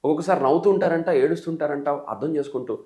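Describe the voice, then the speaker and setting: A man from the Telugu states gives a quick, lively English lesson in a slightly raised voice, acting out his students' common mistakes. His speech bounces around an echoey room. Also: on the high side. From Telugu states of India. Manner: animated, addresses viewers as friend, mimics learners' errors. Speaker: English teacher. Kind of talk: exam-coaching lecture.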